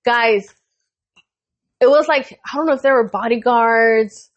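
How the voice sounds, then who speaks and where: A young adult woman co-hosting a podcast, telling a story in casual chat, animated and profane and laughing often. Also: fairly high pitch, slow pace, muffled recording. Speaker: podcast co-host.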